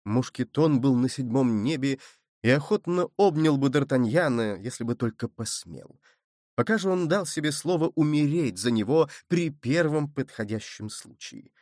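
A man narrating a classic adventure novel in a measured, expressive reading. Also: medium pitch, no echo, studio quality. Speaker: audiobook reader. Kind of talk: scripted narration.

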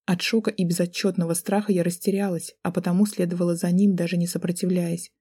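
A woman's voice: fairly low pitch, little pitch movement, fast talker, dark tone, husky. A woman narrating a first-person novel as an audiobook, reading in a tense, dramatic way.

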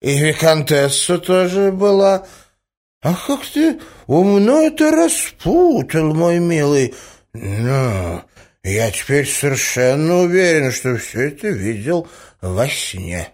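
A man's voice: fairly high pitch, big pitch swings, slow pace, a little mellow, pitched above the performer's own voice. A man voicing a muddled old prince in an audiobook, hesitant and stammering. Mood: delighted. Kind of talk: audiobook character reading.

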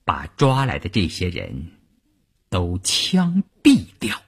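A male storyteller voicing a cold, ruthless female deputy political commissar who speaks slowly and deliberately. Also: mid-range voice, wildly swooping pitch, fairly bright tone, slightly rough, full character voice. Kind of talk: traditional storytelling.

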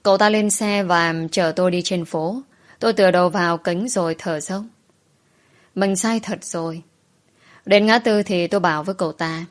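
A woman reading a first-person story aloud in a soft, emotive way. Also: lowish voice, fairly even intonation, a little fast.

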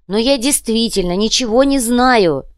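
A woman's voice: medium pitch, expressive, normal speed, darkish tone, dry recording, studio quality, natural voice. A woman reading an audiobook voices a nervous, evasive male prisoner who pleads and stammers. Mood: pleading.

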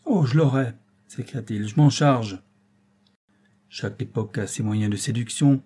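Husky dark-voiced man reading a novel. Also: medium pitch. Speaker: audiobook reader. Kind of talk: scripted narration of a novel.

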